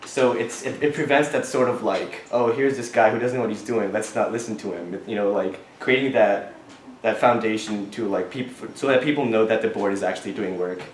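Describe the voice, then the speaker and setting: A young man from Thailand, running for the student board, answers questions at an election forum in an earnest, halting manner full of fillers and restarts. His male voice is fairly low, and the echoey classroom recording carries slight background noise.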